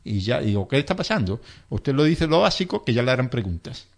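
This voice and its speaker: A man's voice: medium pitch, very animated, brisk. Male instructor type, emphatic and repetitive, explains first aid plainly. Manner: emphatic, repetitive, acts out panicked bystanders in quotes. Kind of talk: explanatory interview talk.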